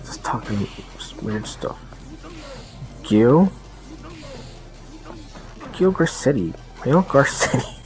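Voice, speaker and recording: A man's voice: medium pitch, very animated, slow, long pauses, a little mellow, soft background music, poor audio. A man casually commentating his own fighting-game play, rambling and trash-talking in slangy, rowdy banter.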